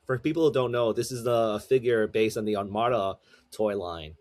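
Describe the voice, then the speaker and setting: Rambling, halting man co-hosting a podcast. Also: on the low side, a little mellow. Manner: rambling, halting, many restarts. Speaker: podcast co-host. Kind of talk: casual chat.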